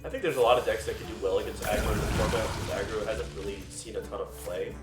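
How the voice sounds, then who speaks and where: A man's voice: fairly low pitch, steady tone, racing. A congested man with a nasal voice, casting a live card-game tournament in a chatty way full of fillers. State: under the weather, congested. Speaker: tournament caster. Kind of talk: live esports commentary. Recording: echoey room with game music behind.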